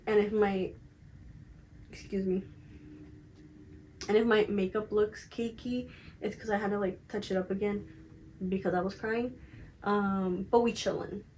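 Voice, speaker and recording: Speaking to camera as a vlogger, a young woman chats in a casual, confessional way, candid and slangy, stressing her points emphatically. Her medium-pitched voice is slightly raspy and darkish, steady in tone, a little slow, with long pauses. The recording is rough, with a little hiss or hum.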